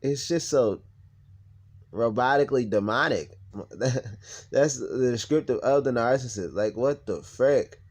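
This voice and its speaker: A man's voice: mid-range voice, measured pace, breathy edge. A young man vlogging, telling a personal story in a blunt, heated, profane rant.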